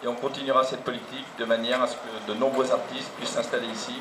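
A man giving a semi-improvised public speech as a local official, with a halting, hesitant delivery. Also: mid-range voice, flat delivery. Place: open town square outdoors. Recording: echoey, noisy outdoor recording.

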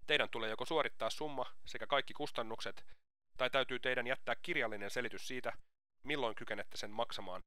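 A man's voice: mid-range voice, pushed and bright, no echo, studio quality, lightly acted. A man voicing a smug, officious police clerk. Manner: officious, matter-of-fact.

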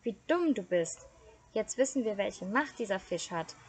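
A woman's voice: mid-range voice, lively intonation, moderate pace, a little hiss or hum, close to an everyday voice. A woman voicing a greedy, quarrelsome fisherman's wife who scolds and gives commands. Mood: scolding.

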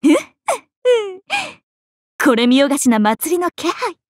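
High, animated young swordswoman, Miyamoto Musashi. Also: takes it slowly, no echo, clean studio sound. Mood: upbeat. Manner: playful, expressive, swinging between teasing and flustered. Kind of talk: Japanese anime-style mobile game character acting.

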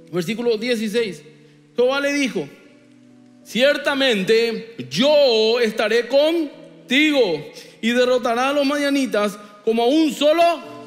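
Paraguayan man, pastor, theatrical sermon, high voice, reverberant church hall. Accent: Paraguayan Spanish. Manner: theatrical, acts out whining characters and God's replies. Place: church sanctuary.

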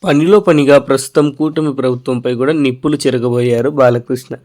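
A man hosting a news channel, narrating the news in a brisk news-reader manner with occasional loose asides. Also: medium pitch, a little mellow.

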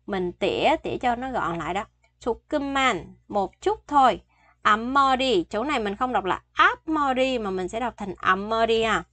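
A woman's voice: medium pitch, lively intonation, a little fast, fairly bright tone, no room sound. A Vietnamese-speaking woman teaching Korean phrases, explaining each word patiently and repeating the sentences. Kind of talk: bilingual vocabulary lesson.

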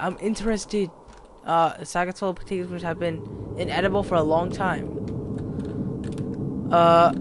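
Playing a horror game, this young man narrates as he goes, reading the on-screen text out loud and letting out yelps and curses when he gets scared. His voice is high, with background noise in the recording.

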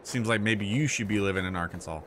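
A man's voice: on the low side, fast talker, fairly bright tone, slight background noise. Laid-back man streaming a game. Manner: laid-back, laughs often, thinks aloud. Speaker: livestream host playing a farming game. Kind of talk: casual live gaming chat.

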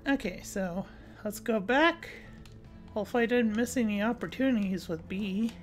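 A woman's voice: medium pitch, normal speed, faint music behind. A woman hosting a let's play, chatting casually and reading dialogue aloud with frequent giggles. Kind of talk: casual gameplay commentary.

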